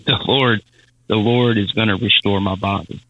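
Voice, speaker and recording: A man telling a personal faith testimony as a podcast guest, halting and repeating words as he speaks. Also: lowish voice, fairly even intonation, no room sound, highs cut off. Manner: halting, repeats words, Southern-style casual phrasing.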